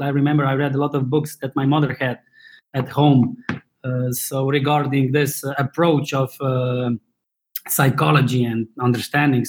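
A man's voice: on the high side, poor audio. A man from Slovenia in his thirties talks as an interview guest in a slightly raised voice. He hesitates often, restarting phrases and filling gaps while he hunts for his words. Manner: searching for words, many fillers and restarts, non-native English. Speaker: guest, former table tennis player and coach. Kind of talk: casual interview talk.

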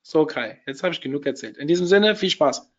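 Hoarse, high-pitched man hosting a webinar. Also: expressive, fairly quick. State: still hoarse after losing his voice. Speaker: webinar host. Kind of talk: casual webinar moderation. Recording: dull, lo-fi webinar audio.

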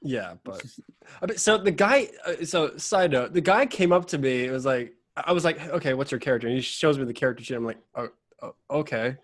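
A man's voice: medium pitch, animated, brisk. A man in casual chat, explaining things in a rambling way with many fillers.

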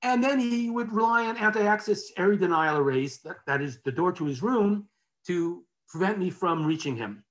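A man with a slightly raised pitch lecturing in an easy, conversational way. He restarts phrases often and checks in with his listeners now and then. It sounds like a talk given alongside slides. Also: expressive, moderate pace, a bit bright.

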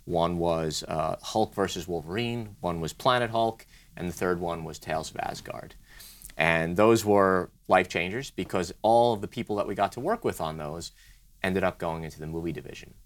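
A man with a deep voice talks as a guest in an interview. He is conversational and explanatory, laying out his story step by step and often piling up short lists. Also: moderate pace. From Brooklyn, New York. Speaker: interview guest, design studio co-founder.

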